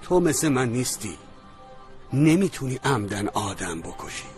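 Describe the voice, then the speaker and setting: A man's voice: medium pitch, big pitch swings, over music, natural voice. A man dubbing a cold, mocking male villain in a TV drama. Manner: mocking, contemptuous. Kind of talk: Persian dub of a TV drama.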